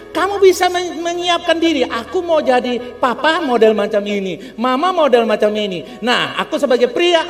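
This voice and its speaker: A man preaching a humorous, animated sermon, calling on the congregation to respond. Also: extremely high pitch. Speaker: pastor. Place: church hall. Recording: long church hall reverb with faint music.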